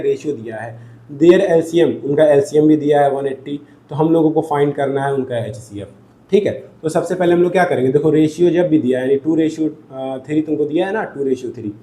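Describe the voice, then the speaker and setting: A man's voice: fairly high pitch, mellow, reverberant, slight background noise. A man teaching a maths lesson, talking through each step of the sums aloud and answering his own questions as he goes.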